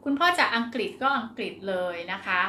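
Bright-voiced woman teacher in an echoey room. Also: on the high side, expressive, fairly quick, slight background noise. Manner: chatty, reassuring, explains with examples. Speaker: child development teacher. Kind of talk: answering a parent's question on camera.

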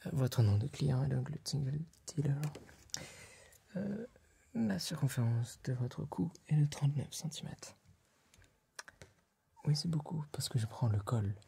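A young adult male ASMR performer whispers as a fussy, polite tailor with a client, breathy and hesitant, into a close ASMR microphone. The scene is a small room dressed as a tailor's workshop. His mid-range voice is animated yet unhurried, creaky and dark-toned, with frequent pauses and a little hiss or hum.

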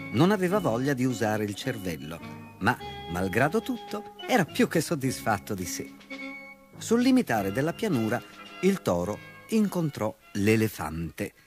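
A man narrating a children's story as a storyteller, in an expressive, unhurried way. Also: mid-range voice.

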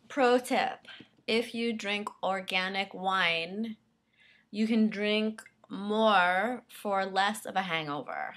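A young woman with a low, gravelly voice that still cuts through bright and sharp. She talks through a comedy sketch in a dry, sarcastic, deadpan way, with music faint behind her. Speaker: actress. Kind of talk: comedic self-tape sketch.

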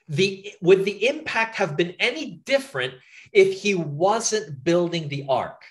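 A man delivering a sermon at an outdoor camp meeting, his voice sitting a little high with lively, swinging pitch. He is earnest, stresses points by repeating them and keeps asking listeners to stop and think. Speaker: preacher.

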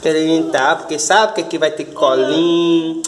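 A man's voice: a little high, steady tone, normal speed. A man talking to his pet dogs in tender, pitying baby talk at home by a door. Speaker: dog owner filming his pets. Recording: echoey room, loud background noise. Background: dogs whimpering and barking.

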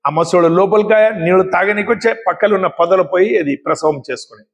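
A man giving a dramatic, exhortative moral-story speech to young people, with lots of repetition. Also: high-pitched. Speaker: motivational speaker. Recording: echoey hall with long reverb.

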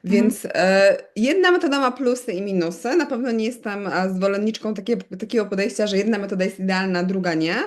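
A middle-aged woman from Poland who teaches reading to bilingual children, explaining at length in a relaxed interview, with many fillers and asides to her listener. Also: medium pitch, a little fast, hardly any pauses. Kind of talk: conversational expert interview.

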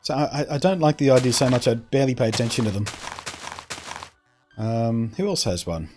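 A man's voice: medium pitch, brisk, over music. A man chatting casually on a live stream, answering chat in an opinionated, rambling way, often trailing off and restarting his sentences.

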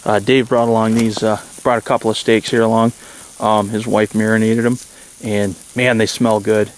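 A man's voice: fairly low pitch, moderate pace. Man in his forties, casual camping vlog, rambling with ums, outdoors in snowy woods, faint background hiss. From Michigan, USA. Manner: relaxed, rambling, many ums and uhs. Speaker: outdoor vlogger. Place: snowy woods outdoors, under a tarp shelter.

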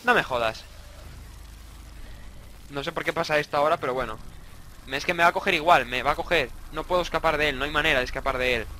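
Fast and sharp-toned, with a voice on the high side and frequent pauses, a young man from Spain commentates his horror gameplay in a Spanish accent. The gaming YouTuber swears often and leaps between jokes and startled outbursts. Slight background noise can be heard.

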